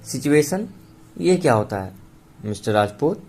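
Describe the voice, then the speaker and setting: A man's voice: a little high, sing-song, measured pace, darkish tone, voice pushed up, exaggerated voice. A man putting on a stubborn teasing young woman.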